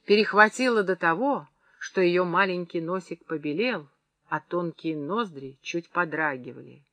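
A man reading a novel aloud as audiobook narrator, telling the story in an expressive, measured way. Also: sits high, dry recording. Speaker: audiobook reader. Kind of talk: scripted literary narration.

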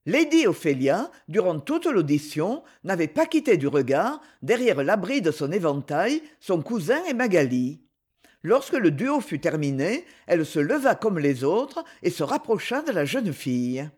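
Expressive woman reading a classic novel. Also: fairly low pitch, normal speed, husky. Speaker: audiobook narrator. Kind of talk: scripted narration of a classic novel.

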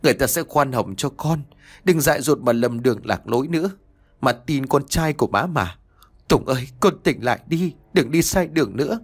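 A man's voice: mid-range voice, lively intonation, normal speed, slightly rough. A man reading a storybook voices a middle-aged mother who tearfully pleads with her son. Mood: pleading. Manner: pleading, sobbing confessions.

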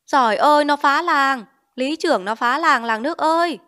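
A woman voicing a quarrelsome older village notable, a man, shouting indignantly in a storybook reading. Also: a little high, moderate pace, natural voice.

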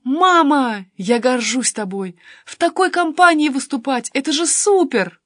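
A woman's voice: a little high, expressive, fairly bright tone, no echo, studio quality, pitched above the performer's own voice. A woman reading a story, voicing a cheeky, mocking teenage daughter. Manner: quick, teasing, pert.

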